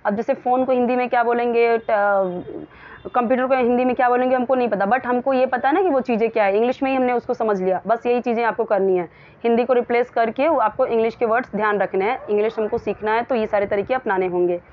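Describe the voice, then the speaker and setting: A woman teaching English. She explains each phrase in Hindi, repeats and rephrases, and reads the English sentences slowly, word by word. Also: on the high side, steady tone. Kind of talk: explaining a lesson. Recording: dull lo-fi sound.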